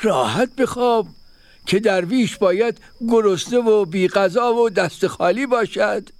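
A man's voice: high-pitched, no echo, clean studio sound. A man voicing a kindly, wise wandering dervish who reassures his companion in an audio story. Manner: gentle, reassuring, unhurried. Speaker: second dervish.

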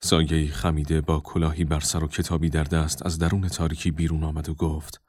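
A man reads a storybook in a very deep voice. His narration is calm and measured. The sound is dry and close. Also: no room sound.

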